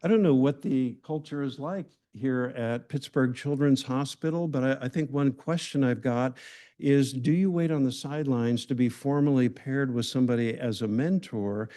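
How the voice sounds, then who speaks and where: A man's voice: medium pitch, moderate pace, warm tone. A man giving a conversational, engaging lecture to a hospital audience, often asking the room questions. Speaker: grand rounds speaker.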